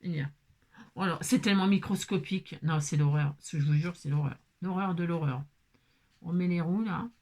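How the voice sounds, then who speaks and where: A woman's voice: on the low side, normal speed, darkish tone. A woman vlogging casually as she assembles a craft kit, chatting to viewers, exclaiming and muttering to herself when pieces go wrong.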